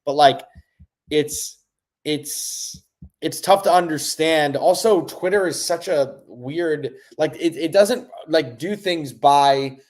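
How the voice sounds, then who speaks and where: A young man co-hosting a casual chat, excitable and rambling, stressed, swinging from low mumbles to loud bursts. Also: slow. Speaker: podcast co-host.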